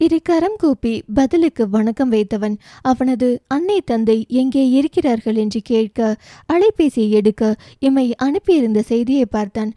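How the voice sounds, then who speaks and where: A woman's voice: a little high, expressive, moderate pace, dark tone, no room sound, studio quality. A woman narrating a romance novel as an audiobook, voicing each character's dialogue herself. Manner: shifts briefly into voices for each character.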